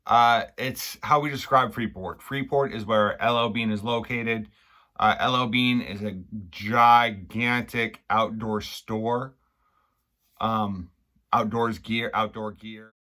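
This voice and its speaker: A man from Maine with a Maine accent, casually explaining local slang in a halting, rambling way, repeating and restarting phrases. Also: fairly low pitch, fairly even intonation, bright, forceful tone. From Maine, United States. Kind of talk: casual unscripted explainer chat.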